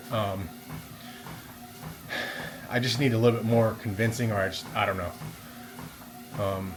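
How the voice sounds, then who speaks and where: A man talking casually and a little hesitantly in a rambling vlog as he walks on a treadmill. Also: mid-range voice. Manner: talking while walking on a treadmill. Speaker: vlogger. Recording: steady background noise of treadmill. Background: treadmill and room noise.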